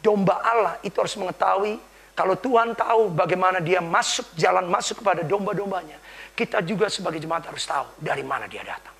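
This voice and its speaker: A man preaches with a high, bright voice and a gravelly edge. He tells the story with drama, dropping to a hushed whisper one moment and shouting the next. The delivery is a full church sermon. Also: quick pace. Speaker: pastor.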